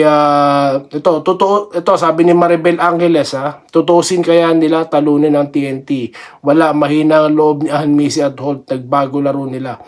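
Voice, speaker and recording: This is a man hosting a casual basketball vlog, his voice sitting a little high for a man. He rambles in a friendly way, laughs often and keeps tossing little tag questions at his viewers. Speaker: basketball vlogger. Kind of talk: casual sports commentary vlog.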